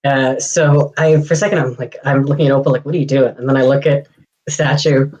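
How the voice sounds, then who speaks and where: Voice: medium pitch, steady tone, fairly quick, darkish tone, poor audio. A player in a tabletop game, telling a rambling story and giggling. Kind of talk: casual chat.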